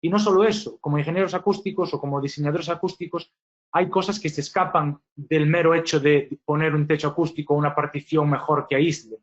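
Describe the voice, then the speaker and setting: A man from lectures on acoustics in a webinar, his voice sitting a little high for a man. He explains step by step, throwing out rhetorical questions and checking in with short tag words. The sound is dull and muffled, like a lo-fi online call. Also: fairly even intonation, fairly quick. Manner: explanatory, frequent rhetorical questions and "¿vale?" tags. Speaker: acoustics engineer presenting a webinar. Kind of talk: technical presentation.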